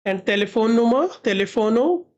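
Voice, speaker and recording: A woman teaching a language class, walking through a recorded dialogue with slow, halting explanations. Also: fairly high pitch, lively intonation, darkish tone, dull audio. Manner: slow, halting explanations mixing English and Spanish.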